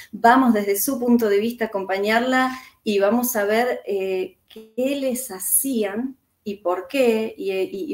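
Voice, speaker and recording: In a reflective interview, an Argentine author and historian with a mid-range, slightly mellow voice thinks aloud, often hesitating. She speaks with an Argentine accent, and the room sounds echoey.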